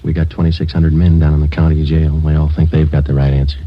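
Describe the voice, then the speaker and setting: An actor in a 1950s radio police drama playing a terse, stoic sergeant who narrates cases in a clipped, matter-of-fact way. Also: male voice, a bass voice, completely flat delivery, quick pace. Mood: deadpan. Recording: muffled vintage radio recording with music.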